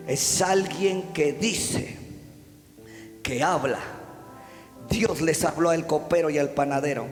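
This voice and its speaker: A man with a Mexican Spanish accent preaching a fervent sermon, often shouting repeated chants and calling the congregation to repeat after him. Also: fairly high pitch. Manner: calls the congregation to repeat phrases. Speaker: pastor. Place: church hall. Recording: echoey church hall with music.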